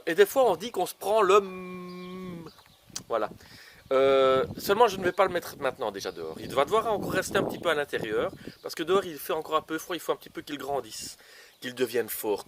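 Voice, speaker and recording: This man's voice is fairly high and animated, at a normal pace, with a little hiss or hum in the recording. He's planting seedlings in his outdoor garden for a relaxed kids' gardening show, filling his talk with fillers as he teases the children to guess every vegetable.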